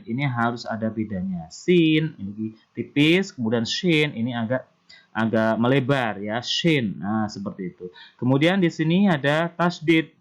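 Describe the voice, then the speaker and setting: A male primary school teacher with an Indonesian accent, patiently explaining Quran recitation rules to children and chanting verses slowly. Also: mid-range voice. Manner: slow, patient explaining, often starting with "nah".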